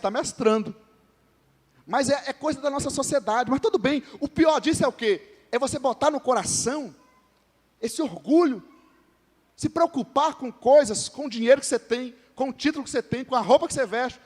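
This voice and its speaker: High-voiced Brazilian pastor in a reverberant church. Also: male voice, moderate pace. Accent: Brazilian Portuguese. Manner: conversational preaching with frequent calls to the congregation; jokes with named members of the congregation. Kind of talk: sermon. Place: church hall.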